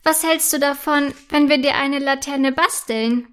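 Woman reading a storybook mother, gentle, soothing, high voice. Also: fairly even intonation, a little slow. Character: gentle comforting young mother.

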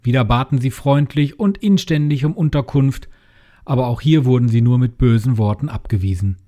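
A man calmly reading a Christmas story aloud as narrator. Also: medium pitch, normal speed. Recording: music behind the voice.

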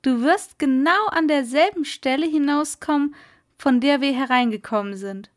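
A woman voicing a sly, jovial old male merman in a storybook reading, with high, loud, lively exclamations. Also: moderate pace, close to an everyday voice. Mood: boastful.

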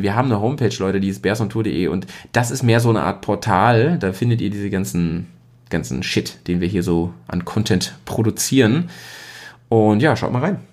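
A man hosting a casual podcast, rambling along with lots of filler sounds. He pokes fun at his own show as he goes. His pitch sits in the middle range. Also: a little mellow. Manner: rambling, many fillers, self-mocking. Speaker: podcast host.

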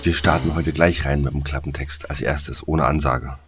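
A man with a deep, low-set voice chats on a podcast in a teasing, playful way. He stumbles, restarts and fills with "äh" often. He is recorded at home over a remote call. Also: steady tone, moderate pace, a bit bright, soft background music. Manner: joking and playful, with many restarts and fillers. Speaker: podcast co-host. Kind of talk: casual podcast chat.

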